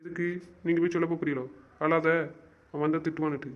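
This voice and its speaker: A young man acts in an amateur web drama as a stubborn guy who is hurt by and fed up with his girlfriend, speaking in a frustrated, insistent, exasperated way and repeating himself. His voice is on the high side and close to everyday speech, delivered flatly and quickly over a dull lo-fi recording.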